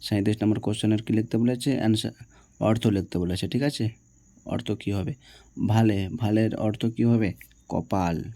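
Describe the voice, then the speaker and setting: A man's voice: on the low side, normal speed, dark tone, no room sound. A man teaching, working through exam answers one by one and often checking with his students. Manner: reads each question, answers it, checks with "ঠিক আছে?".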